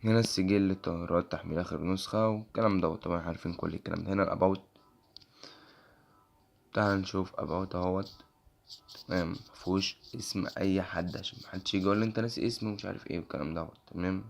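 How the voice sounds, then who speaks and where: A young man with an Egyptian accent and a worn, hoarse voice walks through an app on screen, quickly asking "okay?" after nearly every phrase. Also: sits low, steady tone. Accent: Egyptian Arabic. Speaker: tech channel host. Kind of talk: casual screen-recording walkthrough.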